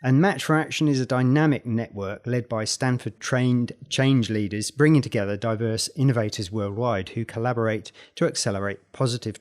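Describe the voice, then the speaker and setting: New Zealand man hosting a podcast. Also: medium pitch. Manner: measured, formal reading then friendly invitation. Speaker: podcast host. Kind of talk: scripted guest introduction.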